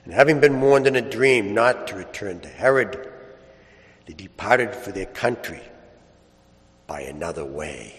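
A man serving as priest, reading the gospel aloud and then preaching a homily in a measured voice that slows and drops at the ends of phrases, heard with a cathedral echo. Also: fairly low pitch, expressive, a bit bright. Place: large church. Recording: long cathedral-like church reverb.

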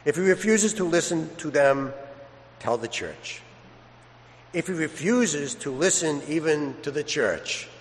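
A priest with a medium-pitched voice reads from the Gospel and preaches a conversational homily, with a slight background noise audible. He leans on everyday examples and little acted-out asides. Everything rings with the long hall reverb of a large, echoey church.

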